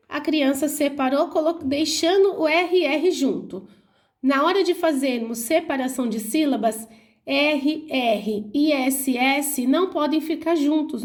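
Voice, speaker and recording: A young adult woman teacher with a Brazilian Portuguese accent, slowly and clearly explaining workbook answers to her pupils. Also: high voice. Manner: slow, clear, didactic, spelling out syllables. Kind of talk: reading and explaining a school workbook.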